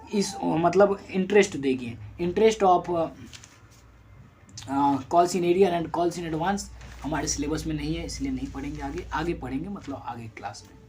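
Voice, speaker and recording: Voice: medium pitch, darkish tone, breathy edge. A commerce teacher giving a recorded lesson who explains step by step with worked number examples. The teacher talks straight to the students, asking and then answering their own questions and correcting themselves mid-sentence.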